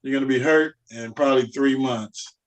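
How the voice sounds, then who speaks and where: A middle-aged man trading blunt basketball opinions in an easygoing tone, cursing freely. His pitch is ordinary and his delivery relaxed and conversational. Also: normal speed, rough recording. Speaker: co-host. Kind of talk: casual sports talk.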